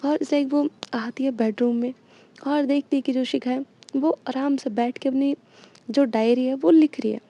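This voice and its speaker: A woman's voice: high-pitched, steady tone, moderate pace, dark tone, dull audio. A woman telling a romance story in casual chat, full of English fillers. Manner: chatty, mixes in English fillers like "you know".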